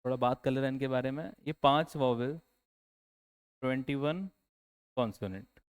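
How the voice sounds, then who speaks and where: A man's voice: mid-range voice, steady tone, moderate pace, clean tone. A man teaching English in a classroom lecture, asking the students questions and then answering them himself.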